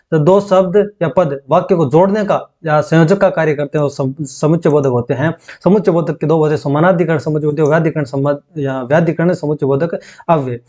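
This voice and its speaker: A man teaching an exam-prep grammar lesson, dictating slowly and repeating phrases so students can take notes, often checking in with them. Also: on the high side, a little mellow.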